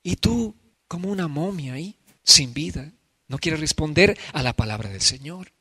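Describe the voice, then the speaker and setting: A male pastor preaches in with a bright, forceful voice that sits a little high for a man. He swings between quiet, intimate passages and loud, fervent pleading. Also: lively intonation, normal speed, breathy edge, no echo. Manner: impassioned, shifting from soft to loud. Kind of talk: sermon.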